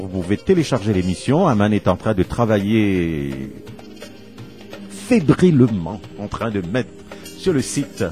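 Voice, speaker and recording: A man's voice: on the low side, a little mellow. A man hosting a radio show in a studio, playful and theatrical, who repeats his own words for effect and laughs often. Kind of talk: lively community radio hosting.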